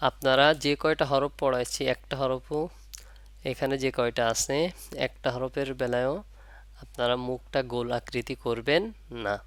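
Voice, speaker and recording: A man's voice: mid-range voice, level tone, clear, resonant tone, no room sound. A man teaching Arabic letters for Quran reading, repeating each point and asking his pupils questions. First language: Bengali. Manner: drawn-out demonstration of letter sounds. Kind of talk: online Arabic letter lesson.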